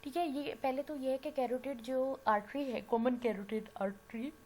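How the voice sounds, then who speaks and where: At a moderate pace, a woman with a high, steady, slightly mellow voice gives an anatomy lecture through a sore throat. She explains patiently, drops in English medical terms and checks in often with "theek hai." It's a rough classroom recording with faint background noise.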